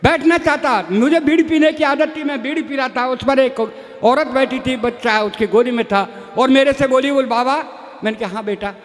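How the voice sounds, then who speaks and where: A high-voiced man tells folksy comic stories on a live stage, slipping into the voices of the people in them. His voice rings out with a long hall reverb. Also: moderate pace. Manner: folksy, plays many characters in dialogue. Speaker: stage comedy poet. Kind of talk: comic storytelling at a live poetry show.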